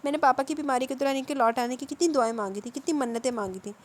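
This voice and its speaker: A woman's voice: sits high, a little hiss or hum, pitched above the performer's own voice, close to an everyday voice. A woman reading as a proud, hurt young heroine. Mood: defiant hurt.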